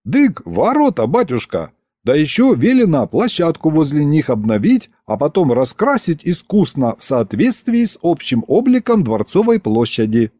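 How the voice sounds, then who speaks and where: A hulking, roguish imp in a fairy-tale audiobook fawns in a pushed-up, lively voice full of folksy, rough speech, as a male reader puts him on. The timbre is dark, and the recording is close and dry. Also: a little high, normal speed, no room sound, pitched above the performer's own voice. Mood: eager. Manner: folksy, fawning and rowdy.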